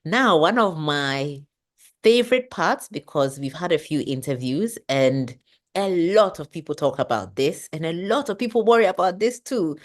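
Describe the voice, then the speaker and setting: A woman hosting an interview, affirming her guest warmly and repeating "lovely, lovely.". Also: sits low, animated, moderate pace. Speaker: podcast host, interviewer. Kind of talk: casual interview chat.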